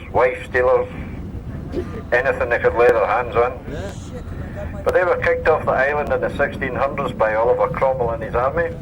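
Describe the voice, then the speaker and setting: A man's voice: mid-range voice, noisy background. A Scottish man giving a joking safety briefing and tour commentary as a ship tannoy announcement. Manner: dry, joking patter. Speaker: tour boat crewman.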